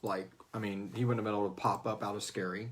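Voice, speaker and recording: Talking fast in a lowish voice with fairly even intonation, this man hosts a laid-back question-and-answer session. He created the series, keeps things informal, swears now and then and performs the quotes he repeats.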